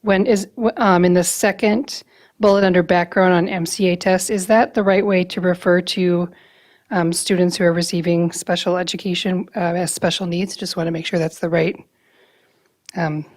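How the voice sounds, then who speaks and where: A woman's voice: lowish voice, steady tone, normal speed, darkish tone. A woman board member speaking informally in a meeting, tentatively checking wording.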